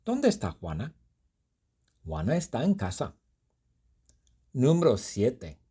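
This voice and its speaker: Slow, playful male Spanish teacher. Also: medium pitch, huge pitch swings, dark tone, husky. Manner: slow, repetitive, playful storytelling with exaggerated exclamations. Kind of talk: comprehensible-input storytelling lesson.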